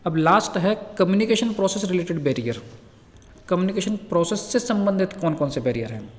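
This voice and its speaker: A man gives a nursing lecture in a fairly high voice. He reads each English point slowly before explaining it in everyday words. His voice rings out in a long-reverb room. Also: lively intonation. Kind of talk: Hindi lecture explaining from slides.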